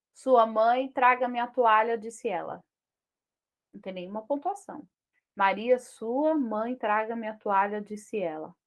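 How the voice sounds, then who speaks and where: Teaching punctuation in a high-pitched, slightly bright voice, a woman with a Brazilian Portuguese accent reads her example sentences slowly and keeps asking tag questions to check on her listeners.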